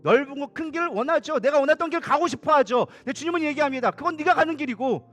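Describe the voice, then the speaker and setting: Male pastor, sermon, very high voice, fast-talking, casual storytelling, faint music behind. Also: animated, fairly bright tone. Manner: colloquial storytelling, acting out quoted dialogue. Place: church sanctuary.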